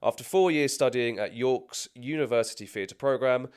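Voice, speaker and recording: A man co-hosting a film podcast speaks at a medium pitch and moderate pace, his tone clear and resonant. He chats casually, laughs a lot, keeps stumbling and restarting his sentences, and reads out a scripted rundown of someone's career.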